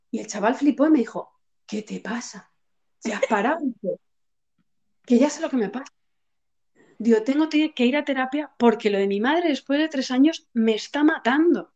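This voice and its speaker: A woman with a Spain Spanish accent in casual chat, telling a personal story with lively acted-out quotes and frequent swearing. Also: high-pitched. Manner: lively storytelling, acting out her own quoted lines, swears freely. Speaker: podcast co-host. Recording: dull lo-fi sound.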